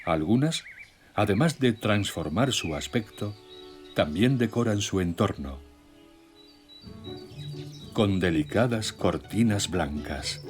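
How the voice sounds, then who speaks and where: A man narrating a scripted nature documentary in a measured, solemn storytelling way. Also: lowish voice, animated. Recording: music bed with nature sounds. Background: music, birdsong and nature sounds.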